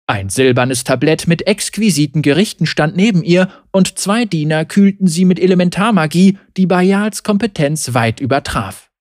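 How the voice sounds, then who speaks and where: A woman narrating a fantasy audiobook in expressive storytelling style. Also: on the low side, moderate pace, few pauses, dry recording, clean studio sound.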